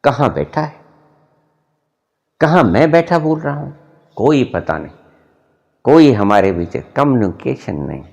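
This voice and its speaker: A middle-aged man preaches in an unhurried, deliberate way. His pitch rises and falls over a wide span as he stresses key words. It has the measured pacing of a spiritual discourse. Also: animated, gravelly, darkish tone. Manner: slow, deliberate, rising and dropping sharply for emphasis. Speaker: spiritual teacher.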